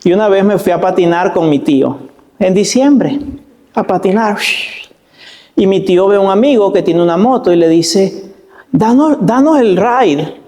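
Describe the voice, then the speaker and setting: A man preaching as a guest pastor, telling stories and slowing down for emphasis. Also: high voice, warm tone, slight background noise. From Venezuela. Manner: storytelling preacher, slows for emphasis. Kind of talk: sermon.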